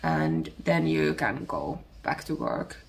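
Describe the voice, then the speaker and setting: Chatting casually from home, a podcast host from Finland in her thirties, Finnish-accented, searches for words now and then as her voice recovers from illness. Her voice sits low with big pitch swings and a creaky texture.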